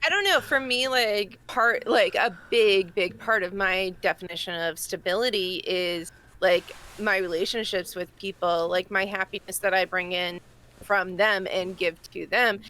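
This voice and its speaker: A woman's voice: mid-range voice, a little slow, pushed and bright, poor audio. Massachusetts-accented woman chatting casually. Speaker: podcast co-host presenting a segment. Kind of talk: casual chat.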